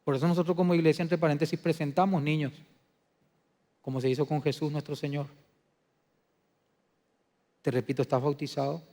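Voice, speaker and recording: A man preaching a sermon as pastor, dropping to a hushed, low delivery and then rising to loud, emphatic declarations. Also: level tone, brisk, long pauses. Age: adult. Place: church sanctuary. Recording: long reverb of a church hall.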